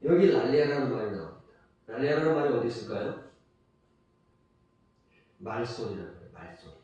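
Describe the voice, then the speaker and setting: A man's voice: medium pitch, very animated, a little fast, darkish tone, highs cut off. A man preaching a sermon as a pastor, emphatic, repeating key phrases and asking rhetorical questions. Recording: distant mic, very echoey church hall.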